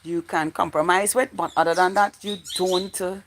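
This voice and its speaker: A Trinidadian livestream host in her forties talks casually to viewers in a lowish voice with fairly even intonation and normal speed, over a little hiss or hum. She rambles and repeats phrases as she thinks aloud.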